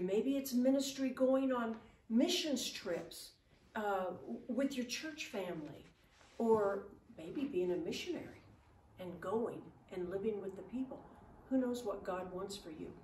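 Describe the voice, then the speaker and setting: A woman's voice: medium pitch, expressive, measured pace, a little mellow. A middle-aged woman giving an earnest, encouraging chapel talk to children. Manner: earnest, encouraging, gesturing while speaking. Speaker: ministry speaker at school chapel. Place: living room, indoors. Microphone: far camera. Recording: roomy, distant camera audio with faint noise.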